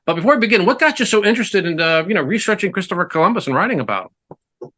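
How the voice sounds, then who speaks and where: A man's voice: sits high, very animated, rapid-fire, fairly bright tone. A middle-aged man hosting an interview, talking conversationally with plenty of fillers. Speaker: interview host.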